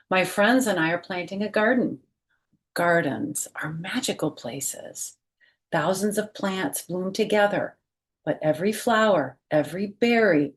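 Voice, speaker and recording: Questions and simple explanations fill this children's storytime, where a woman reads aloud with expression and speaks right to her young listeners. Her voice sits in the mid range.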